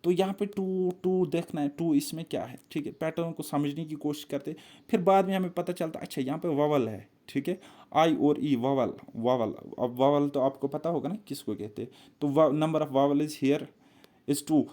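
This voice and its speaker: Man, teacher, step-by-step explaining, quizzes listener, fairly high pitch. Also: moderate pace, mellow. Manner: repetitive, step-by-step, quizzes the viewer. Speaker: exam-prep teacher. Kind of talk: explaining reasoning puzzles on a board.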